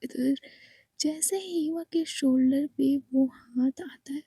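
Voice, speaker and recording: A woman narrating a love story in a soft, hushed voice, half whispered. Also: high voice, slow pace, no room sound.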